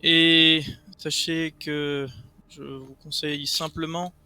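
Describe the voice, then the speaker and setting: A man playing a cold, controlling official who interrogates in clipped, formal, measured phrases in a tabletop game. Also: on the high side, level tone, pushed and bright, clean tone, heavily acted. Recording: music behind the voice.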